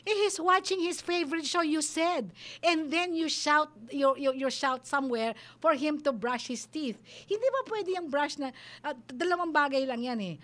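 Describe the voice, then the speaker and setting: High-voiced Filipino woman giving advice. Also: normal speed, a bit bright. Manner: mixes Tagalog and English, acts out quoted voices. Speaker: radio advice host. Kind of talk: parenting advice talk on radio.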